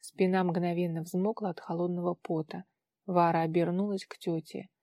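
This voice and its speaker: A woman narrating an audiobook with an expressive reading. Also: lowish voice, moderate pace, no room sound, clean studio sound. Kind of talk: scripted narration.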